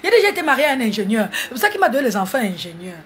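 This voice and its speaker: A woman's voice: on the high side, big pitch swings, racing, fairly bright tone. A woman, mocking and scolding viewers in a heated live stream on her phone. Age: 40s.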